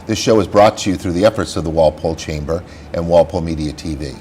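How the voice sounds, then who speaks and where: A man's voice: sits low, quick pace, darkish tone, a little hiss or hum. A man hosting a local business interview show, reading a scripted welcome and then asking chatty questions.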